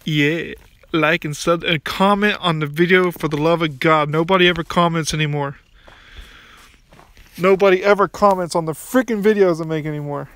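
Young man, high-pitched, rambling casual gaming talk, recorded on a phone outdoors. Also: normal speed, a bit bright, dry recording. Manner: rambling, restarts often, mildly crude. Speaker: gaming YouTuber. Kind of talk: casual gameplay commentary. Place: outdoors by a backyard pool.

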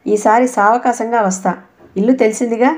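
A woman's voice: a little high, steady tone, brisk, a little mellow, lightly acted. A woman reading the part of a polite, easygoing man in an audiobook, with courteous, casual farewells.

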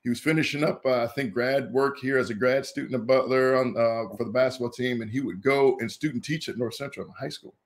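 A man in his fifties from Indianapolis, USA, a former college football player, tells stories as an interview guest in a casual setting. He's lively and acts out the people he quotes, speaking at medium pitch, fairly quickly, with few pauses.

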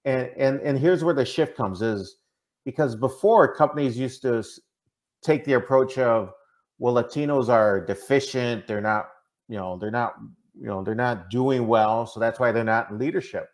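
A middle-aged Midwestern man from Minnesota, interviewed as a diversity consultant, speaks in a mid-range voice at a moderate pace. He answers earnestly and conversationally, frequently adding "right?" He's indoors on a video call, heard through its microphone.

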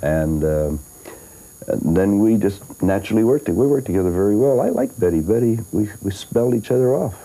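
An older man being interviewed about his long singing career. His voice is low and husky, with a dark tone. He chats loosely, swinging his pitch up and down through his stories. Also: lively intonation, fairly quick, poor audio. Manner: chatty, laughs often, many fillers and restarts. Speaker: guest, singer and actor. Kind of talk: interview, storytelling.

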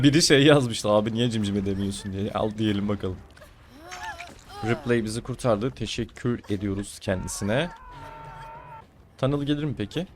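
A man's voice: mid-range voice, slight background noise. A man giving casual running commentary as he plays a game, teasing his opponent and grumbling when things go wrong. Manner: chatty, teasing and exasperated. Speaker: gaming streamer.

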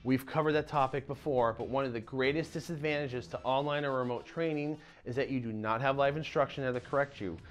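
A man in his thirties hosting a martial arts channel, presenting an explainer to camera in a lively, gesturing way with casual asides. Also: mid-range voice, fairly quick, few pauses. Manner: animated, talks with his hands, casual asides. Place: dim indoor dojo-style room. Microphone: lapel mic.

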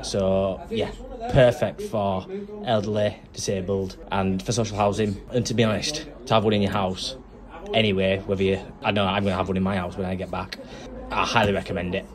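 Chatty plumber vlogging. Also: male voice, sits low, flat delivery, a little fast, a crowd in the background. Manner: chatty, practical, explains step by step. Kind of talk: casual vlog narration. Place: factory floor, then a house kitchen.

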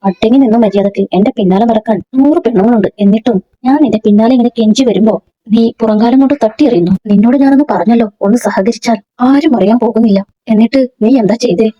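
A woman's voice: a little high, quick pace, dark tone, lightly acted. A woman reading the lines of an arrogant young man who sneers at and threatens a female coworker, in a dull lo-fi recording. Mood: threatening.

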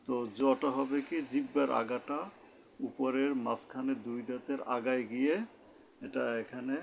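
In an unhurried lesson, a man who teaches Quran recitation explains the letters one by one in a gravelly mid-range voice, saying each sound again and again with deliberate care. There's a faint hiss of noise in the background.

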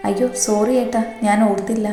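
A gentle young wife, soft and pleading, voiced by the woman reading the story, in a flat, even tone. The storybook reading echoes in a roomy space over faint music. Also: medium pitch, brisk, close to an everyday voice. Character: gentle young wife, affectionate and easily tearful.

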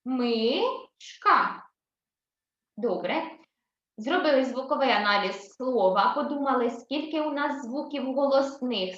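A woman teacher giving a recorded reading lesson to young children, speaking slowly and clearly and repeating herself for them. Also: sits high, fairly bright tone, roomy sound, highs cut off. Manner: slow, clear and repetitive, addressing children. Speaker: primary school teacher.

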